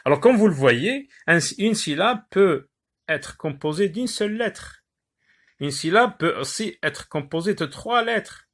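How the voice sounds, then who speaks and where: A male teacher giving a lesson on syllables, repeating words slowly and pausing often with hesitations. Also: high-pitched, animated, a bit bright. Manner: slow, drawn-out word repetitions with many "euh" pauses. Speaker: primary school teacher.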